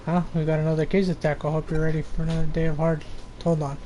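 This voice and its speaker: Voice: medium pitch, little pitch movement, fast talker, dark tone, a little hiss or hum, low-quality recording. A game streamer doing a let's play, reading dialogue aloud in a casual way with mumbled asides and small stumbles.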